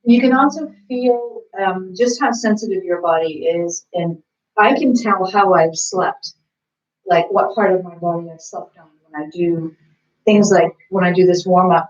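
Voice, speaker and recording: A woman's voice: mid-range voice, darkish tone, far from the mic. A woman co-hosting a morning workout, chatting casually and rambling with lots of fillers. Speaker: workout co-host. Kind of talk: casual chat during a workout. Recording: roomy, off-mic and dull.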